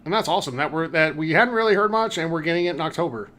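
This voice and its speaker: A man's voice: on the high side, animated, rapid-fire, sharp tone. Upbeat man hosting a podcast. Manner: upbeat, leads the talk and asks questions. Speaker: podcast host. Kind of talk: casual podcast chat.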